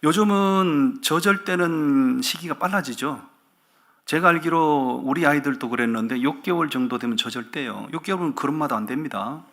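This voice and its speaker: A male pastor preaching a sermon in a lively way, often asking the congregation questions. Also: on the high side, moderate pace. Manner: animated, asks the congregation rhetorical questions.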